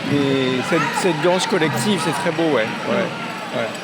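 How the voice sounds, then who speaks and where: A man's voice: on the high side, measured pace, over loud music, low-quality recording. A middle-aged man from Normandy, France, being interviewed at a festival, hesitant and repeating his words. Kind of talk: street interview. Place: outdoor festival grounds. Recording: loud outdoor noise. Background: outdoor noise.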